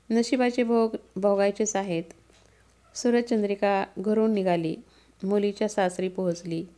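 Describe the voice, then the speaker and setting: A woman with a Marathi accent recites a devotional vow story in a steady, measured storytelling voice. Her tone is mellow and warm, with no bright edge. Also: mid-range voice.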